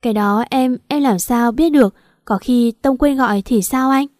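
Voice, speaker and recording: A woman voicing a scheming, desperate young wife with a shrill, pleading manner, recorded dry and close. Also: normal speed, darkish tone, dry recording, close to an everyday voice.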